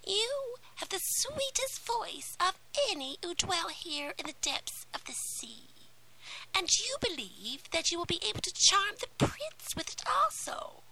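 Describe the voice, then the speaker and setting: A shrill, scheming old sea witch, put on by a woman in whispered role-play, her high voice leaping and swooping between hushed breath and bright, sharp cries. The sound has a gravelly edge over a faint hiss. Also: very animated, measured pace, exaggerated voice, poor audio. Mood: demanding.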